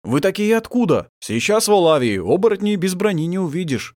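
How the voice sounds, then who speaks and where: A man voicing a wounded village miller and father in an audiobook, gruff and loud. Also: high-pitched, very animated, brisk, no echo, studio quality, pitched above the performer's own voice. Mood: warm. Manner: shouting, gruff.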